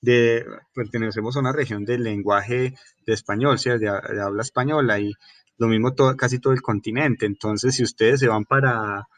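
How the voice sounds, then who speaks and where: A man's voice: medium pitch, fairly even intonation, normal speed, dry recording. A man with a Colombian accent teaching a class, explaining step by step with many fillers and restarts and checking with his students as he goes. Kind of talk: recorded class lecture.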